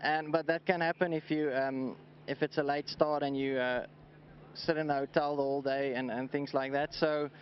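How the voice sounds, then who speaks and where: Speaking at pitch side after the match, this Afrikaans-speaking South African cricketer keeps a level tone but stumbles and frequently repeats himself. Slight background noise sits in the somewhat dull outdoor broadcast sound.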